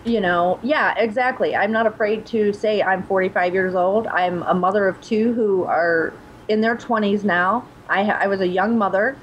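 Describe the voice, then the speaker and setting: A woman's voice: medium pitch, moderate pace, hardly any pauses, muffled recording, slight background noise. A woman in her forties, a guest on a video call from home, talking openly and earnestly about her life. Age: 40s. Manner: open, earnest, agreeable. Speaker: guest streamer. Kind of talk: casual video-call chat. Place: home room indoors. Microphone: laptop webcam mic on video call.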